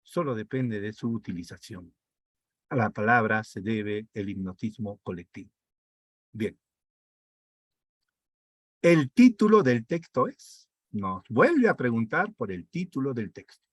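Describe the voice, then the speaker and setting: Husky teacher with a sore throat. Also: male voice, fairly low pitch, sing-song, measured pace, long pauses, no echo. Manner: reads text aloud, then breaks it down with rhetorical checks. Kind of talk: online reading comprehension class.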